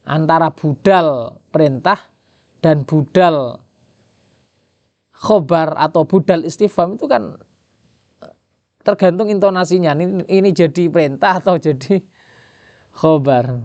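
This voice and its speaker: A man's voice: a little high, unhurried, pauses often, darkish tone, dry recording, muffled recording. A man with a Javanese accent teaching Islamic jurisprudence, reading and translating an Arabic text and quizzing his listeners with rhetorical questions.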